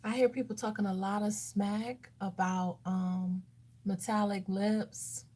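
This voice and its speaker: A woman's voice: medium pitch, fairly even intonation, slow pace, a little mellow. A woman beauty vlogger chatting casually while doing her makeup, talking to herself and throwing sassy asides to viewers. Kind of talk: casual get-ready-with-me chat.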